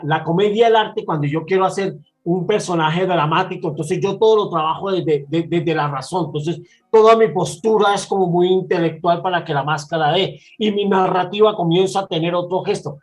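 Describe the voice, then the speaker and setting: A man from Bogotá with a Colombian accent, a storyteller talking in an interview, animated and expressive, often restarting his sentences. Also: high voice, low-quality recording. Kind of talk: casual interview talk.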